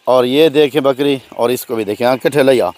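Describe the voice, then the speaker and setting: A middle-aged Pakistani goat farmer outdoors on his farm, giving a friendly sales pitch and showing his goats to the phone camera. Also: fairly quick, a little mellow. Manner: friendly salesman patter, keeps saying "my brother". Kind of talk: casual sales vlog. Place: outdoors on a farm by open fields. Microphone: handheld phone camera.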